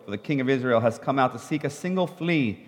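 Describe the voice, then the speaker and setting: A man reads scripture from the pulpit at an even, measured pace. His voice sits in a middle register. It rings out through a church hall with a long reverb. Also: medium pitch. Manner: measured Bible reading that rises in the quoted speech. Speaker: preacher. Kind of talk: sermon with scripture reading, paused for an interpreter.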